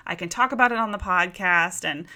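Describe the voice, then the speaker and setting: A woman hosts her own podcast, talking to her listeners like friends on a couch, calling them "you guys" and "y'all." Her voice is bright and forceful, and it sits a little low for a woman. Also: a little fast. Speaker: podcast host. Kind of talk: casual solo podcast talk.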